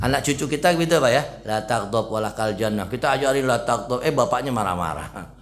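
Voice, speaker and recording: A man's voice: mid-range voice, animated, moderate pace. A man preaching at a casual mosque study session, chatty and often asking his listeners questions.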